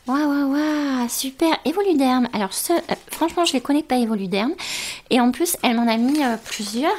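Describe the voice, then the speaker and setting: A woman's voice: on the high side, a little hiss or hum. A woman chatting casually as she unboxes beauty gifts, gushing with exclamations. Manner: gushing, exclamatory, slow and drawn out. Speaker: beauty vlogger.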